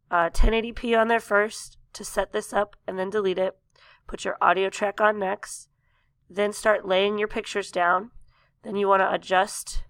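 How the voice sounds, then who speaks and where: A woman teacher talking through a software tutorial step by step, losing her voice, with coughs and throat clearing. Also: medium pitch, no echo. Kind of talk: screen-recorded software tutorial.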